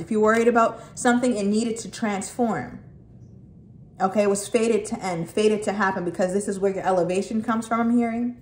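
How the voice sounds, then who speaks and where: A woman giving a casual tarot reading, chatty and emphatic, swearing freely and checking in with "okay" again and again. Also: mid-range voice. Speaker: tarot reader. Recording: echoey room, faint noise.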